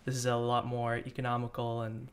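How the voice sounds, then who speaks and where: A man's voice: medium pitch, completely flat delivery, brisk. Young man, informal and conversational, everyday talk. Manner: informal, frequent "like". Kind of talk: casual chat.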